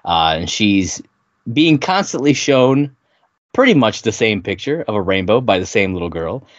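A man's voice: fairly low pitch, very animated, moderate pace, no room sound. A man co-hosting a podcast, chatting in an easygoing, rambling way and laughing often. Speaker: podcast co-host. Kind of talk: casual chat recapping a sitcom episode. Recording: dry, dull lo-fi sound.

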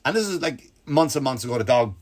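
A man hosting a comedy podcast, ranting animatedly and swearing, with his voice jumping up when he gets worked up. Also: fast talker. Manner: animated, swearing, pitch leaps when excited. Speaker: podcast host. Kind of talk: comedic storytelling rant.

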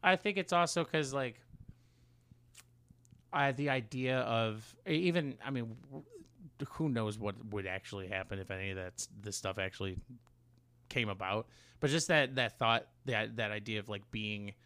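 A podcast co-host chats casually, rambling, halting and cutting himself off as he goes, with some casual swearing thrown in. His voice is on the low side, pushed and bright, captured on a dry recording.

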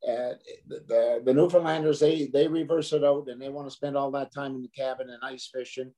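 Folksy man reminiscing in mid pitch. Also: steady tone, brisk, warm tone, poor audio. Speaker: interview guest, hockey veteran. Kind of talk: casual reminiscing chat.

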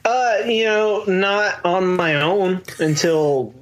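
A man's voice: sits high, takes it slowly, slight background noise. A man chatting casually as a podcast co-host. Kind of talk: casual chat.

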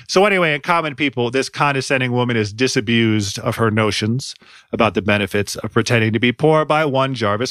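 A man narrates a scripted music podcast in a dry, sardonic, wry manner. His voice sits at a middle pitch. The sound is dead dry and close, with no room at all. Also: a bit bright, dry recording. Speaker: podcast host.

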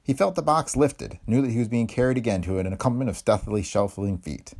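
A man narrating a 1930s pulp adventure story in a vivid, expressive reading style. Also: mid-range voice, fast talker. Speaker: narrator of pulp fiction podcast. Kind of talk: dramatic audiobook narration.

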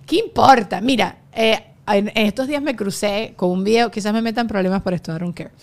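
A woman's voice: mid-range voice, fairly quick. A woman with a Venezuelan accent hosting a podcast, chatting casually and laughing easily. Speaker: podcast host.

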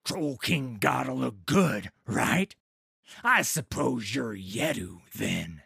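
A man's voice: medium pitch, very animated, slow, vocal fry, pushed and bright, husky, no echo, clean studio sound, heavily acted. A man voicing a small, cunning male troll who brags about himself. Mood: boastful. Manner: cocky, bragging.

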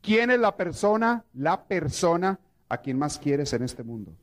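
A man's voice: a little high, measured pace. A man, a priest, teaching a prayer course to a live group, telling stories and asking his listeners questions. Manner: animated storytelling, asks the audience questions.

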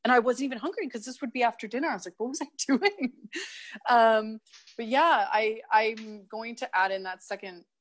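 A woman's voice: a little high, a little fast. A woman from Canada, a podcast guest, chatting casually and laughing often as she acts out what people said. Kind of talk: casual interview chat.

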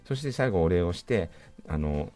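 A middle-aged man from Japan, a guest pianist, telling anecdotes on a radio talk show, lively and laughing often. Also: deep voice, moderate pace. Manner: animated storyteller, laughs often, acts out quoted lines. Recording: radio studio with faint music behind.

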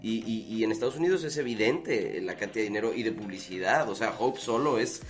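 Casting: male podcast panelist, fairly low voice, casual analysis, faint music underneath. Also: animated, fairly quick.

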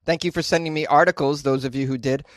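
Male podcast host from Boston, slightly high voice, loose self-mocking ramble, dry close closet sound. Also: fairly even intonation, quick pace, no echo. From Boston, United States. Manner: joking, self-deprecating, profane asides. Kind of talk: casual, rambling podcast outro. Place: small closet, indoors.

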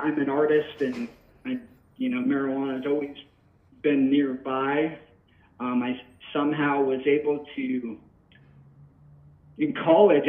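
Rambling man on an echoey phone line. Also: mid-range voice. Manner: rambling and reflective, with frequent restarts. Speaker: podcast guest. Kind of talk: casual podcast talk.

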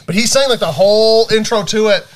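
A man with a fairly high voice chats casually on a podcast. He rambles through his stories with plenty of fillers, and he jumps up in pitch when he gets excited. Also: brisk, slight background noise. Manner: rambling, animated storytelling with many fillers. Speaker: podcast co-host. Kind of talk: casual chat.

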